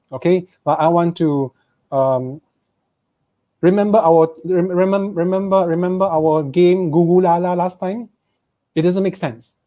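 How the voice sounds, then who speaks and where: A man's voice: fairly high pitch, warm tone. A man with a Malaysian accent teaching an online exam-prep English lesson, reading students' questions aloud and checking in with frequent "okay?".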